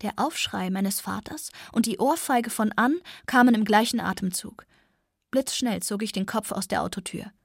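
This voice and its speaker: A woman reading a first-person novel aloud, soft and often close to a whisper. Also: mid-range voice, moderate pace, vocal fry, husky, dry recording. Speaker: audiobook narrator.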